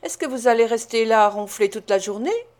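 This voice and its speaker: A woman reading an audiobook, voicing a sharp-tongued matron who speaks in a sour, disdainful way. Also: fairly high pitch, expressive, fairly quick, close to an everyday voice. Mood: scornful.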